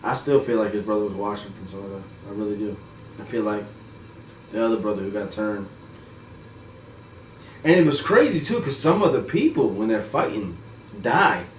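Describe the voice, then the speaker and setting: A man's voice: lowish voice, animated, normal speed, pauses often. A man hosting a casual movie review chat, laid-back and slangy, laughing often. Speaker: podcast host. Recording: echoey room, mic far off, faint noise.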